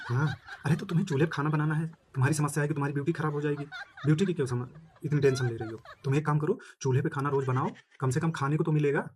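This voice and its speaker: Young male comic, high-ish rapid delivery, blustering then meek on a phone call. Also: a little hiss or hum. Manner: brash boasting that turns sheepish and backpedaling. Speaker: comedian playing a brother on the phone.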